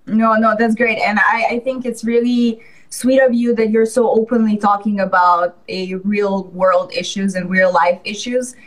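A woman host asking questions in a warm-hearted, encouraging, chatty way. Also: medium pitch, fairly even intonation, normal speed, rough recording. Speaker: podcast host. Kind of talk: casual interview chat.

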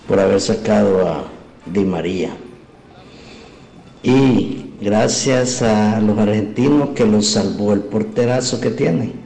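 A male caller speaks over an echoey phone line. His voice is low, gravelly and dark, and he states his opinions bluntly. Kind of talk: call-in comment. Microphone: phone call.

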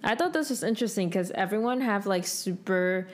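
A young adult woman co-hosting a podcast, with a medium-pitched voice that's animated and a little fast. She chats casually, thinking aloud in informal speech peppered with "like".

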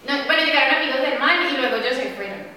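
A young woman joins a casual round-table chat, jumping in to retell what happened. Her voice is bright and sharp and a little high. She is recorded from a distance in an echoey room with a long reverb. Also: quick pace. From Colombia. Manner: chatty, interjects, retells events. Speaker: panel guest. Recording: echoey room, mic far off.

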